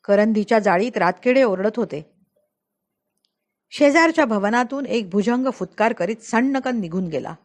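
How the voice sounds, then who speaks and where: A woman narrating a memoir as an audiobook, telling it in a deliberate, dramatic storyteller's manner. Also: fairly high pitch, expressive. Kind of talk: expressive audiobook reading of a memoir.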